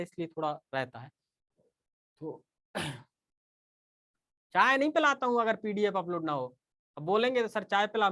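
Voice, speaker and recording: A man's voice: sits high, a bit bright. A man teaching a casual live online class, talking straight to his students and often checking in with "okay".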